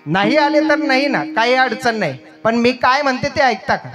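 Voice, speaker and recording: A man voicing a little girl of five or six who gently tells her brother she is hungry. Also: extremely high pitch, lively intonation, moderate pace. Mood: pleading.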